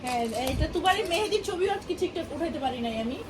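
A young Bangladeshi mother with a very high, light voice and a Bangladeshi Bengali accent chats with her little ones in a coaxing, sing-song lilt. She is filming a casual family vlog indoors at home. The recording carries a clear layer of background hiss. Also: animated, racing. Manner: coaxing, sing-song talk to small children. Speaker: mother and vlogger.

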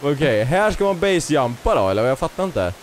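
Young male gaming host, slightly high voice, playful and excitable. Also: a little hiss or hum. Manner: joking, teasing, excitable. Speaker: gaming YouTuber. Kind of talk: casual co-op gameplay chat.

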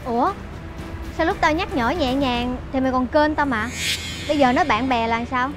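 Actress as wronged young woman, high and accusing, over music bed. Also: moderate pace, lightly acted. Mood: indignant. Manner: accusing, indignant. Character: betrayed young woman scolding a disloyal friend. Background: background music.

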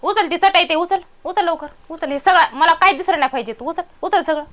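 A woman's voice: extremely high pitch, brisk, heavy background noise. A woman playing a bossy, scolding old mother-in-law who nags and barks repeated orders. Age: older. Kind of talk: village family drama acting.

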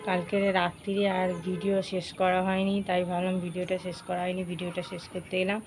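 Hoarse woman chatting softly at home. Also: lowish voice, completely flat delivery, fast, slight background noise. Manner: chatty, homely, addresses viewers as friends. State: hoarse from a cold, speaking softly. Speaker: home vlogger. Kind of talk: casual home vlog chat. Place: at home indoors.

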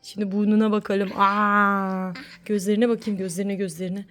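A woman's voice: fairly high pitch, unhurried, dark tone. A mother talking playfully with her sick young son, coaxing and sing-song. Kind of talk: casual play with a child.

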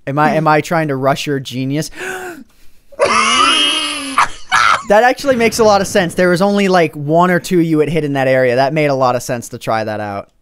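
Excitable young man gaming banter. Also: a little high, fast talker, few pauses, slight background noise. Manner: excitable, self-mocking, stammering restarts. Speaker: gaming YouTuber playing a minigame.

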